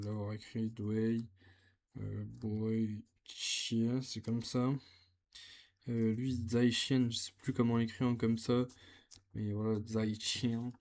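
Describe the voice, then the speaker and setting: Slow, creaky young man thinking aloud. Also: lowish voice, a little mellow. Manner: hesitant, thinking aloud while writing. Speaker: language learner vlogger. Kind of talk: casual learning vlog. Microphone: camera set on the desk.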